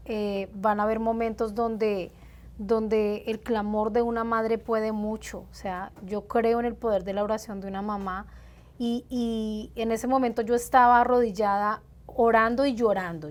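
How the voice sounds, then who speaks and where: A woman, a pastor, sharing her personal testimony in conversation, heartfelt and unhurried. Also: mid-range voice.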